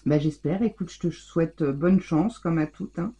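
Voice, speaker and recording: A woman's voice: sits low, normal speed, dark tone, husky, poor audio. A woman hosting a casual scrapbooking vlog, effusively gushing over the handmade gifts she unwraps. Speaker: scrapbooking channel host. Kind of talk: casual mail-opening vlog.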